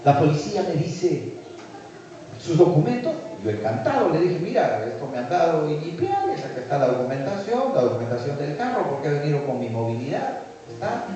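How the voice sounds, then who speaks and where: A man's voice: on the high side, brisk, slight background noise. A Peruvian man, a pastor, telling a story in a sermon and acting out every voice in it. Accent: Peruvian Spanish. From Peru. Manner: animated storytelling, acts out dialogue. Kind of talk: sermon testimony. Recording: echoey hall, distant mic, dull sound.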